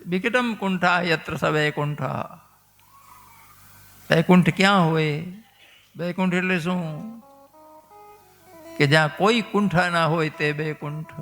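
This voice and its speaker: High, bright male devotional storyteller. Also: long reverb tail. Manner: animated, questioning the audience. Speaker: religious storyteller.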